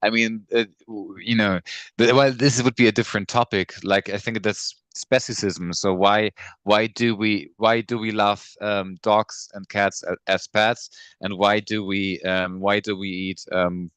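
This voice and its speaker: A German man, a native German speaker, hosts a casual podcast conversation, asking questions and hedging constantly with "you know" and "um." His voice sits on the low side with fairly even intonation and a measured pace. The tone is clear, resonant and a bit bright, with no room sound.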